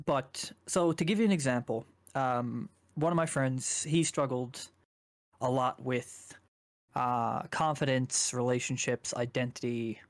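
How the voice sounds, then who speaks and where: A man's voice: medium pitch, no echo, clean studio sound. Laid-back young man telling a story. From Canada. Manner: laid-back, rambling, swears casually. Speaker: guest. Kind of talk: casual storytelling chat.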